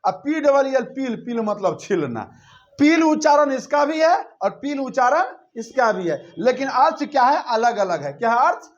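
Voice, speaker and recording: A man's voice: very high voice, very animated, normal speed, highs cut off. A male teacher giving a classroom lesson, drilling students by repeating his questions and answers back and forth.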